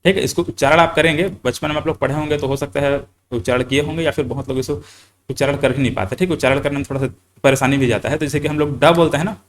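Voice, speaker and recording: A man's voice: a little high, steady tone, very fast, a little hiss or hum. Young male teacher quizzing and repeating points. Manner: quizzes listeners with questions he then answers himself; repeats key points and fills with "thik hai". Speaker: exam-prep teacher. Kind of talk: recorded grammar lesson.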